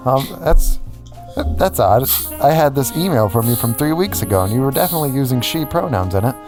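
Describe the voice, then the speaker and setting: A man's voice: medium pitch, animated, brisk, music in the background. A man hosting a comedy podcast, improvising chat and mock interviews with a mock-sincere, hesitant delivery.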